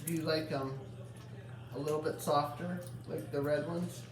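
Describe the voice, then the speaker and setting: A woman's voice: low voice, fairly even intonation, moderate pace. A woman making casual conversational remarks from away from the microphone. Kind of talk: casual off-camera chat. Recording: distant, echoey, noisy room.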